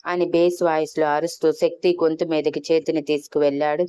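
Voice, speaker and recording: Low, smooth-voiced woman storyteller. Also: flat delivery, quick pace, mellow, dry recording. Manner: reads all characters' lines with light changes of tone. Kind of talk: scripted narration of a romance story.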